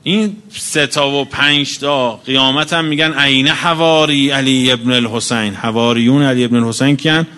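A man's voice: mid-range voice, few pauses, sharp tone. A man preaching a religious sermon, reciting Arabic quotations and explaining each one in plain talk. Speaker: cleric.

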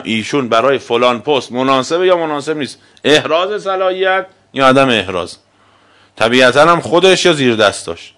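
A man giving a religious lecture as a cleric, arguing with rhetorical questions and swinging between loud emphasis and quiet asides. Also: medium pitch. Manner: argumentative, asks rhetorical questions.

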